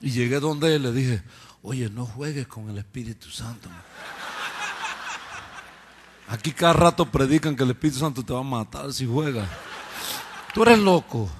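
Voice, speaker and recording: A man's voice: mid-range voice, expressive, normal speed, pauses often, slight background noise. A man preacher telling his testimony with humor, acting out other people's voices and laughing at himself. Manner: acts out quoted voices, jokes and laughs at himself.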